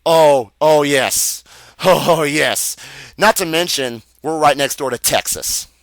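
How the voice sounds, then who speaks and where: A man's voice: on the high side, slow pace, vocal fry, fairly bright tone, dry recording. A young American man delivering a heated, profane, stammering rant on his video channel. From United States. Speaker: vlogger. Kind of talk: angry webcam rant.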